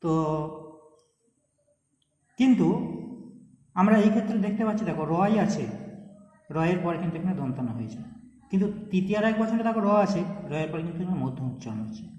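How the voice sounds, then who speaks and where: A man's voice: high voice, animated, brisk, pauses often, mellow, muffled recording. A man teaching a grammar lesson. He keeps checking in with his students and draws out and repeats words to show how they are said. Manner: checks in often with questions to students. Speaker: Sanskrit teacher. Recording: echoey room with long reverb.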